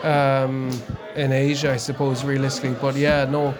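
A man's voice: medium pitch, completely flat delivery, moderate pace, over music. A man in his forties from Connemara with a west of Ireland accent, chatting casually and hesitantly as an interview guest. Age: 40s. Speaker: interview guest, amateur endurance cyclist. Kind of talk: casual chat.

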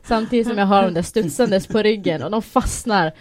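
A young woman telling animated stories in casual chat, acting out quoted shouts and laughing often. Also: medium pitch, no room sound. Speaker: guest.

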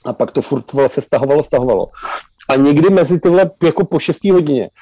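A young man co-hosting a podcast, telling stories in an excited, profane casual way. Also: on the high side, husky, dry recording, low-quality recording. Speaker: podcast co-host. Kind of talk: casual chat.

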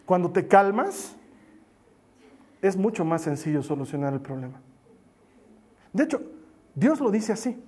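A male pastor preaching a sermon in an animated, emphatic way, turning playful at times and dropping to a soft plea at key points. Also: high-pitched, unhurried, long pauses, husky. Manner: animated, emphatic, often playful with acted asides.

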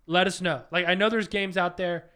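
A man's voice: sits high, fairly even intonation, normal speed, bright, forceful tone, smooth. Rambling, self-deprecating young male podcaster. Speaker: podcast co-host. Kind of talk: casual couple chat.

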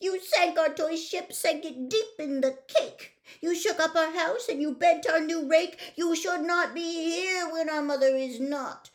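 A woman reading a storybook aloud, voicing a fussy male pet fish who scolds and frets in a high, loud, frantic voice. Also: unhurried, hardly any pauses. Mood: scolding. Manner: shrill scolding, frantic alarm.

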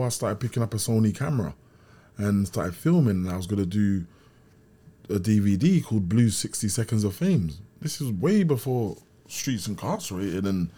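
A man's voice: fairly low pitch, dark tone, breathy edge. A man with a South London accent telling stories casually as an interview guest, using street slang and often checking that he is understood. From Brixton, south London. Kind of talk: casual conversational storytelling.

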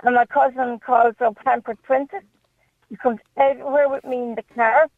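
A woman's voice: high voice, steady tone, moderate pace, no room sound. A woman calling in to a radio show on a speakerphone held away from her, chatty and doting, her voice muffled. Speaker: radio phone-in caller. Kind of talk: casual chat. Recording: muffled tinny phone line.

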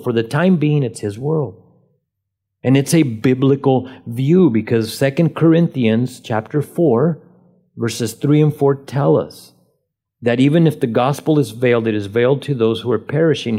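A man's voice: medium pitch, unhurried, warm tone, breathy edge. A man preaching a sermon as pastor, leaning on key words and asking rhetorical questions.

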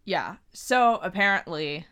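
A woman's voice: fairly low pitch, lively intonation, takes it slowly, sharp tone, clean tone. A woman co-hosting a podcast, chatting casually and animatedly as she recaps a TV episode and trails off into loose paraphrase. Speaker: podcast co-host.

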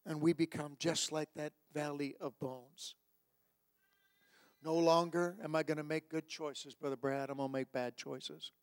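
A man preaching a sermon as a pastor, exhorting his congregation and repeating phrases for emphasis, moving between hushed pleading and shouting. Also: fairly high pitch, flat delivery, measured pace, no room sound, clean studio sound. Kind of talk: sermon with altar call.

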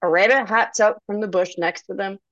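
A woman author reading her own novel aloud, narrating in an expressive storybook manner. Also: mid-range voice, a little fast, no room sound, muffled recording.

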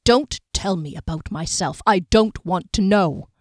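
A woman's voice: fairly low pitch, expressive, measured pace, dry recording, studio quality. A woman doing a curt, uneasy young wizard. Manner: short, clipped, nervous replies.

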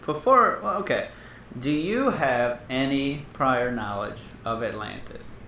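A man's voice: medium pitch, expressive, slow pace, bright, forceful tone, roomy sound, slight background noise. A man co-hosting a casual podcast, rambling and joking with a whiny voice and lots of fillers. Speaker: podcast co-host.

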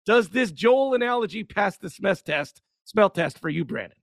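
A man with a high, gravelly voice, recorded close and dry. He runs segments with a wry, offhand delivery, setting up topics for his co-host. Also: animated, normal speed, no room sound. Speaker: podcast host. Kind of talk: casual commentary on sermons.

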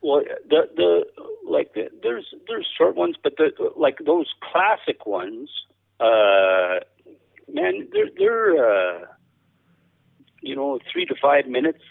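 A man chatting casually as an interview guest, a cowboy poet with a halting, rambling, folksy storytelling manner. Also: on the high side, huge pitch swings, gravelly. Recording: thin band-limited radio or phone-like sound.

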